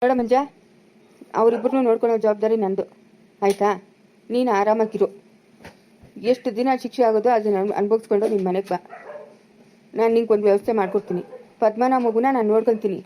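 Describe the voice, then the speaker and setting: A woman's voice: a little high, fairly even intonation, fast talker, pauses often, mellow, slight background noise, lightly acted. A woman playing a bossy village brother-in-law in a family drama, scolding and commanding in a rural Chikkaballapura Kannada accent. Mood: persuading.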